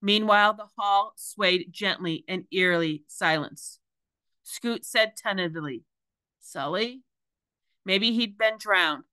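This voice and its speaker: Woman teacher reading a story aloud, slow and bright. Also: medium pitch, smooth, no echo. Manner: careful, deliberate reading with small slips. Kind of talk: reading a novel aloud to a class.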